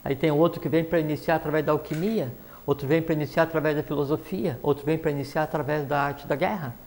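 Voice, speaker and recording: A man's voice: on the high side, steady tone, quick pace, darkish tone, a little hiss or hum. A man explaining spiritual teachings in a rambling talk, with many fillers and restarts.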